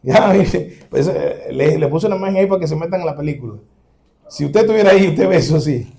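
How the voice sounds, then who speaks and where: A male pastor, preaching an animated sermon and acting out the scenes he describes. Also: a little high, fast, gravelly. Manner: animated preaching, dramatic re-enactment, chuckles.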